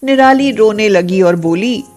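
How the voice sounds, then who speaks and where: A woman narrating a scripted cartoon story in a steady, plain manner. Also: mid-range voice, measured pace.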